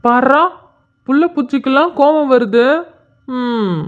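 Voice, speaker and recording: A woman's voice: high voice, slow, narrow, tinny audio. A woman voicing a cocky young male senior who taunts and pesters a girl in a bossy way, in a cartoon story. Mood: taunting.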